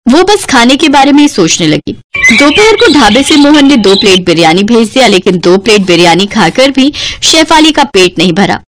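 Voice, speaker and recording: A woman narrating a scripted cartoon moral story in an expressive, dramatic way. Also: on the high side, moderate pace, noisy background.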